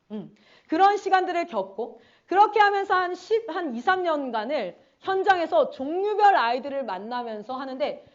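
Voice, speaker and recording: A woman's voice: sits high, highs cut off. A woman missionary giving a conference sermon, telling stories animatedly and acting out her students' voices. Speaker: missionary speaker.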